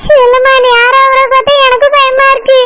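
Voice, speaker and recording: A woman's voice: very high-pitched, level tone, brisk. A woman voicing an anxious elder sister-in-law with a Kanyakumari Tamil accent, asking worried questions in a cartoon. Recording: loud background noise.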